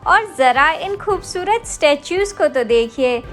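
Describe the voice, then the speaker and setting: A woman's voice: high-pitched, animated, measured pace, a bit bright, faint music behind. A woman narrating a travel vlog, talking straight to her viewers with plenty of enthusiasm. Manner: enthusiastic, addresses viewers directly. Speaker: travel vlogger.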